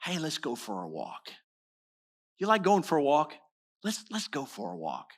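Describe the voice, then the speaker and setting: A male preacher voicing God as a friendly man casually inviting someone for a walk, lower and softer than his own talk. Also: wildly swooping pitch, normal speed, heavily acted.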